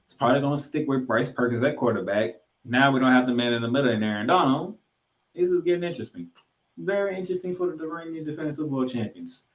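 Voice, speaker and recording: On his sports podcast, a man talks football emphatically, pausing for drama and repeating phrases. His voice is mid-range, and the recording sounds rough.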